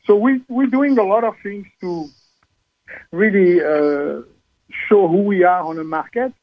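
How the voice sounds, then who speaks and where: A French-accented man talks on a radio show in a fairly high voice, stopping and restarting often. The sound is taped off the radio, dull and lo-fi, and dry with no room. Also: no room sound. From France. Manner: halting, many fillers and restarts. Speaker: guest, champagne seller. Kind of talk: radio talk show interview.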